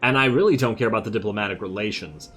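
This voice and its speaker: A man's voice: on the low side, rapid-fire, fairly bright tone. A man giving casual, laid-back strategy game commentary, thinking aloud as he plays. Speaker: gamer, host of a let's play series. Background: game music.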